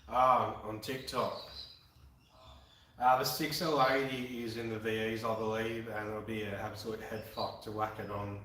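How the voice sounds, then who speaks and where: This Western Australian man in his twenties speaks with a fairly low, somewhat bright voice that barely moves in pitch, at a moderate pace. Laid-back and occasionally swearing, he chats casually with viewers on a live stream. The recording comes from a garage, in a very echoey space with a distant microphone.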